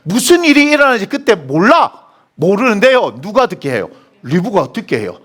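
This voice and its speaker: Animated high-voiced male pastor preaching. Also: brisk. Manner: animated, asks the congregation questions and answers them. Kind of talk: sermon. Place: church sanctuary.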